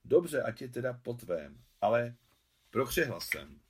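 A man reading aloud, voicing a playful, gently mocking young woman. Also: medium pitch, big pitch swings, breathy edge, pitched above the performer's own voice. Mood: teasing. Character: teasing young woman, Liza.

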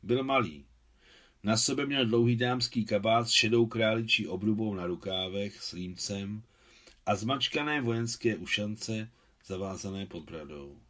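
A man, the translator, reading his own translation of a novel aloud in a calm, measured storytelling manner. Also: lowish voice.

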